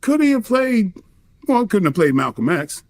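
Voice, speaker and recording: A man's voice: high-pitched, very animated, moderate pace, darkish tone. An American man in a casual debate, insistently posing questions to the other person and swearing now and then.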